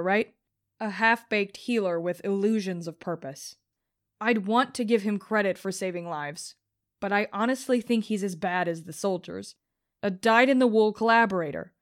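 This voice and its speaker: A woman narrating an audiobook in the first person as a vengeful young rebel, bitter and contemptuous. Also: mid-range voice.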